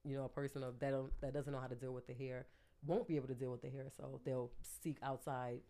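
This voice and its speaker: Low-pitched Brooklyn woman, casual and candid. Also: fairly even intonation, fast, warm tone. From Brooklyn, New York, United States. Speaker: podcast guest, hairstylist. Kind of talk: casual chat.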